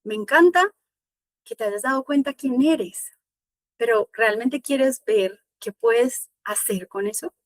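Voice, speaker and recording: A woman voicing God in a parable she tells, speaking calmly and tenderly. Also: on the high side, slow pace, no echo. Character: gentle loving God, ageless.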